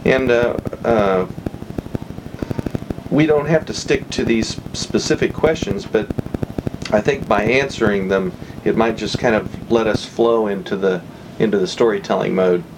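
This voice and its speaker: A man's voice: lowish voice, a little slow, noisy background. A man hosting an oral history interview, asking questions politely and with many hesitant fillers.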